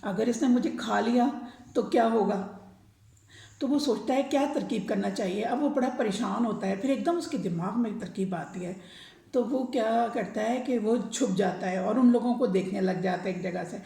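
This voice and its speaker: Woman storyteller for children, casual, gravelly, mellow, roomy echo. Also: mid-range voice. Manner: casual, addresses children directly. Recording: echoey room.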